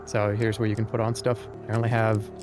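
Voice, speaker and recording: A man's voice: lowish voice, monotone, brisk. A man giving casual gameplay commentary as a streamer. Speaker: game streamer. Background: game music.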